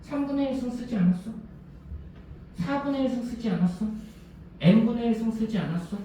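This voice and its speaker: Man, math teacher, high voice, quizzing the class, distant mic, very echoey room. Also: animated, dark tone, slight background noise. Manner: drilling students with quick check questions. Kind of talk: classroom lecture.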